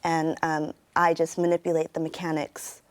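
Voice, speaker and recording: A middle-aged American woman with a standard accent, a turntablist and sound artist, answers interview questions reflectively and explains her thinking. Her low voice stays monotone at a normal speed.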